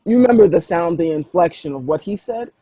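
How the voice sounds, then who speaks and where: A man's voice: fairly high pitch, animated, brisk, dark tone, breathy edge, dry recording, low-quality recording. A man narrating as game master in a tabletop role-play, rambling with lots of fillers. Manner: rambling, filler-heavy, casual.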